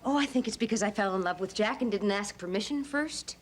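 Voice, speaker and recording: A woman's voice: medium pitch, lively intonation, brisk, natural voice. An actress playing a young woman storming out on her father, sarcastic and agitated. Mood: bitter. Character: young woman, defiant daughter walking out. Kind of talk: 1970s TV soap acting. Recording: noisy old TV broadcast.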